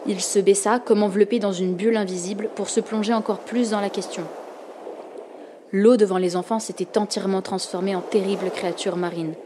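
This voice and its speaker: A woman narrating a storybook with calm, expressive reading. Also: medium pitch, a little fast, noisy background.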